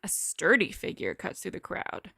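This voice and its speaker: A woman's voice: on the low side, sing-song, moderate pace, creaky, sharp tone, husky, dry recording. A woman playing a tabletop game on a live stream, moving between casual chat and dramatic narration. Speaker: live stream player reading the game script aloud.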